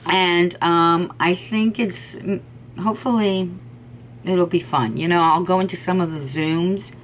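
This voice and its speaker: A middle-aged woman chats to camera about her knitting, enthusiastic and rambling, with plenty of ums and repeated words. Her voice sits a little low for a woman. A faint hum of room noise runs behind her. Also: unhurried. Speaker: knitting podcast host. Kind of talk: casual chat to camera.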